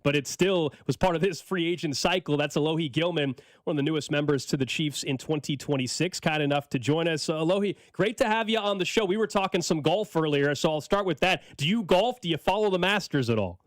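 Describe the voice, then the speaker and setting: A man hosting a sports radio show, running through the hour's lineup briskly and upbeat before welcoming a guest. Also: a little high, no echo. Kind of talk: radio show opening and interview. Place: radio studio. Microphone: studio microphone.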